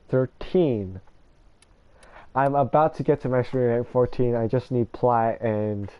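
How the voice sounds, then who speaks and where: A man's voice: medium pitch, dark tone, dry recording, lo-fi sound. A man casually commenting over a video game, rambling and self-deprecating as he talks to viewers. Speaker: gamer showing his builds.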